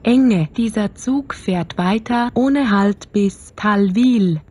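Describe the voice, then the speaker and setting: A woman making formal, scripted train announcements over the intercom, setting each station name apart in a measured way. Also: medium pitch, over loud music.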